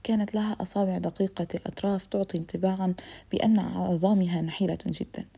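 A woman narrating a literary novel in a reflective, steady way for an audiobook. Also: fairly low pitch, fast talker, vocal fry, breathy edge.

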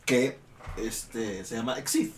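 A man's voice: medium pitch, takes it slowly. A young man with a Mexican accent, host of a casual podcast, telling stories in a laid-back, slangy way. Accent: Mexican Spanish. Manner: laid-back storytelling, slangy, laughs often. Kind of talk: casual chat. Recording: slightly distant mic with faint background noise.

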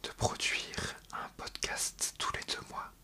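A young man hosting an ASMR podcast in a breathy, hesitant whisper, speaking right into the listener's ear. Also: slow, pushed and bright. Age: young adult. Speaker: podcast host.

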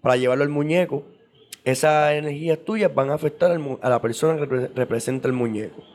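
A man's voice: fairly high pitch, fairly quick, darkish tone. A man explaining in casual interview talk, at length, with frequent repeats and restarts. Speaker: guest on esoteric topics.

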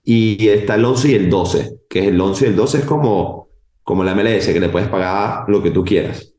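Deep-voiced man telling stories. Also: moderate pace, echoey room. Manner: animated storyteller, voices others in quotes. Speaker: footballer guest. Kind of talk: casual podcast interview.

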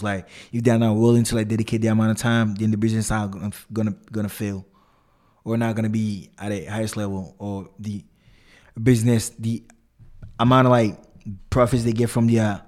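A young man with a lowish voice and very little melody in it. He talks in a slangy frat-bro manner, casual and rambling, circling back over his phrases as he chats. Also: a little mellow. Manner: frat-bro slangy talk, constantly saying "bro"; rambling, repetitive, loose phrasing. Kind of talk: casual conversation.

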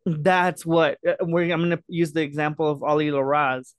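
A man co-hosting a casual sports chat, measured and analytical, with frequent fillers. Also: on the high side, fairly even intonation, clean tone, no room sound, studio quality. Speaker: podcast co-host.

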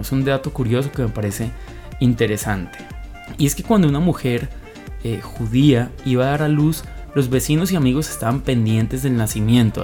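A man's voice: medium pitch, darkish tone. Man, devotional podcast talk, earnest and explanatory, faint guitar music underneath. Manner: earnest, explanatory, with occasional fillers. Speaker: podcast host giving a Bible reflection.

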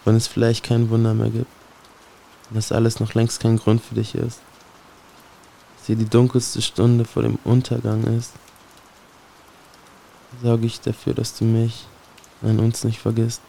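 A man recites spoken-word poetry in a low, gravelly voice with a dark, mellow tone. His delivery barely rises or falls, staying almost completely level. He sounds solemn and brooding as he addresses a listener directly. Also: completely flat delivery, unhurried, pauses often, slight background noise.

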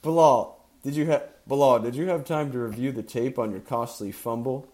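A man putting on a sneering, bullying male football coach, raised in pitch and volume. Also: fairly even intonation, normal speed, mellow, close to an everyday voice.

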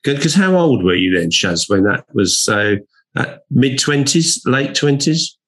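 A man's voice: mid-range voice, expressive, a little slow, fairly bright tone. A man co-hosting a talk show, responding to a guest's story with encouraging comments. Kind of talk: casual conversation.

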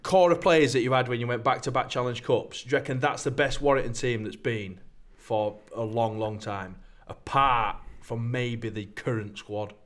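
A man's voice: medium pitch, normal speed, few pauses. A man, hosting a sports podcast and teasing his guest while he leads the questions. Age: 20s. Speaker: podcast host. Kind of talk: casual chat.

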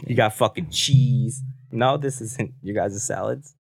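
A man co-hosting a casual podcast chat, animated and slangy, swearing and calling his friends bro. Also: fairly low pitch, unhurried, gravelly, husky, no room sound, clean studio sound. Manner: animated, swears a lot, says bro often. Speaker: podcast co-host.

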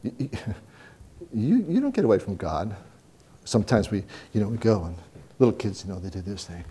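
A man preaching a sermon, telling Bible stories with animated voices and reading scripture slowly. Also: fairly low pitch, breathy edge. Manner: animated storytelling, acts out Bible characters; slows down to read scripture.

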